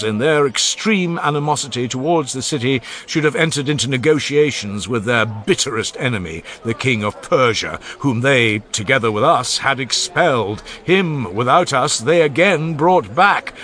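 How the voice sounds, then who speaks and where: A man narrates an audiobook of an ancient funeral oration, reading it aloud with a solemn, declamatory delivery and strong swings in emphasis. His voice is mid-range and a bit bright.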